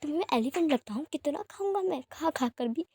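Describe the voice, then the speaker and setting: A woman voicing an anxious, excitable young man who frets over his missing child and scolds over breakfast. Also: high-pitched, fast talker, dry recording, clean studio sound, voice pushed up. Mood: indignant.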